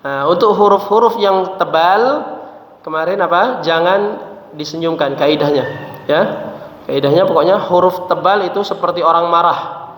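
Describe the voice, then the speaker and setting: High-voiced man teaching recitation, echoing. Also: normal speed, a bit bright. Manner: patient, repeats letters and ends phrases with a tag. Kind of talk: tajwid lesson with letter drills. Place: mosque hall. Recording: echoey hall with faint ambience.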